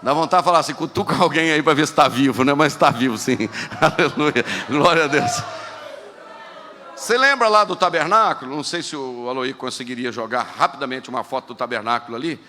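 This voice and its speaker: A man with a Minas Gerais Brazilian accent preaching a lively sermon as pastor, moving between quiet asides and shouted exhortations. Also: mid-range voice, brisk. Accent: Brazilian Portuguese, Minas Gerais. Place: church sanctuary. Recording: echoey church hall with faint noise.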